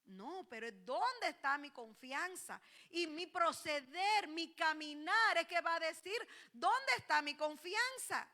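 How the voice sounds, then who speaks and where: High, bright-voiced woman pastor preaching. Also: slow, few pauses. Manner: animated preaching that swells to loud exclamations; quotes congregants in dialogue. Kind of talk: sermon.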